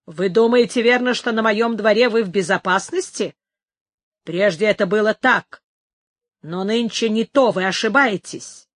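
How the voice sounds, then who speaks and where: A woman's voice: mid-range voice, measured pace, no room sound, close to an everyday voice. A cold, repellent executioner speaks with open distrust, read by a woman. The storybook reading sounds dry and close. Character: menacing cold male executioner.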